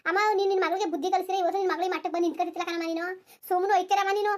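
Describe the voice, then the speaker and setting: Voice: extremely high pitch, very fast. A voice actor playing an angry village mother-in-law in a cartoon, scolding with accusing questions. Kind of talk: cartoon voice acting.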